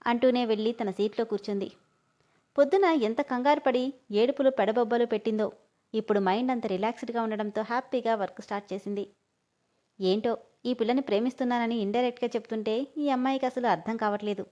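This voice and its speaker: A woman's voice: on the high side, fast talker, mellow, highs cut off. A woman hosting her channel and narrating a story, friendly and addressing listeners as friends.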